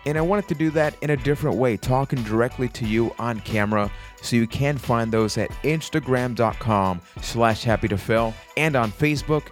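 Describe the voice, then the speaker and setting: A man hosting a solo podcast, talking earnestly and motivationally straight to his listeners. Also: mid-range voice. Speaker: podcast host. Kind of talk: reflective solo podcast talk.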